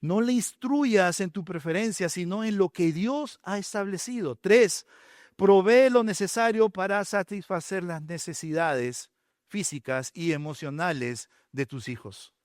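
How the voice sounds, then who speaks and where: Animated pastor preaching. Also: male voice, high voice, a little slow, dry recording, studio quality. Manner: lively preaching with rhetorical questions and counted points. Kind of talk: sermon.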